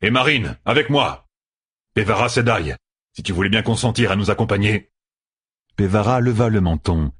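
Male audiobook narrator, very deep, husky, dry close recording, expressive reading. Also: dry recording. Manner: expressive storytelling. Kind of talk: scripted narration.

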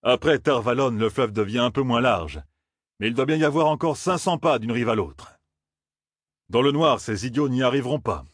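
A man's voice: mid-range voice, expressive, moderate pace, slightly rough, no room sound, studio quality, pitched above the performer's own voice. A man voicing a hardened, cold swordsman who speaks in a mocking, self-assured way. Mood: sardonic. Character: hardened gruff male swordsman, cold and sardonic.

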